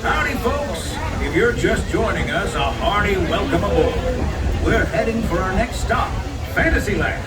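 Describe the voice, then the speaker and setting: An actor playing a friendly, folksy train conductor who narrates a ride like a frontier storyteller, heard over an outdoor loudspeaker. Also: male voice, high-pitched, animated, moderate pace, over a noisy crowd. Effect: played over an outdoor loudspeaker. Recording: distant loudspeaker with loud music.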